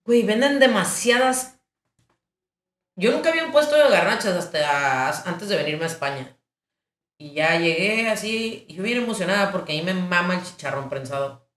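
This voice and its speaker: A young woman from Mexico, hosting a casual chat and telling slangy, animated stories. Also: lowish voice, normal speed, echoey room. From northern Mexico. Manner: slangy, expressive storyteller. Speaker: podcast host.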